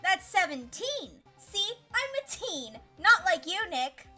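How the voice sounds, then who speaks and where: A woman voicing an excitable seventeen-year-old girl in a live fan dub of a game. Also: very high voice, takes it slowly, faint music behind, full character voice. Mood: teasing. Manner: loud, excited, playful exclaiming.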